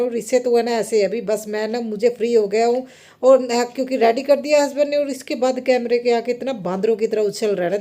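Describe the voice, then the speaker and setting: A woman's voice: fairly high pitch, mellow. A woman, narrating her daily chores in a casual, homely vlog. She chats easily, laughs often and keeps leaning on the little filler 'है ना'. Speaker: homemaker vlogger, mother.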